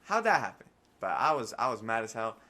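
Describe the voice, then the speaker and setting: Bright-voiced young man telling stories. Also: on the low side, fairly quick, a little hiss or hum. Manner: animated storytelling, slangy and profane. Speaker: podcast host. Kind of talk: casual chat.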